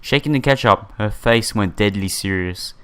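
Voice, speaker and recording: With background music behind, a let's player narrates a visual novel, reading the text with occasional stumbles and slangy side comments. The voice sits low and is smooth and fairly bright, at a moderate pace.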